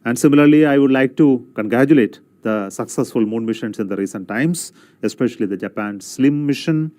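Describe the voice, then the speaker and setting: A man with an Indian accent giving a formal podium speech as an agency representative, in measured, halting phrases. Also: medium pitch, a little mellow.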